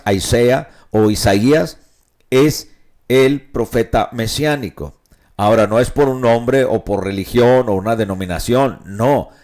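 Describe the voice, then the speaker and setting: Man, pastor, radio Bible teaching, lowish voice, repeats and explains. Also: a little mellow. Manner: explanatory, asks rhetorical questions and repeats points. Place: radio studio.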